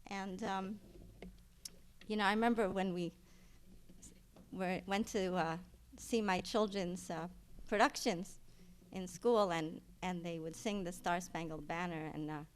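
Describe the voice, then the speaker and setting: Middle-aged woman, funeral eulogy, rambling anecdotes, many fillers, loud animated punchlines. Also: fairly low pitch, unhurried, clean tone. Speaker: daughter giving a eulogy. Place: funeral service.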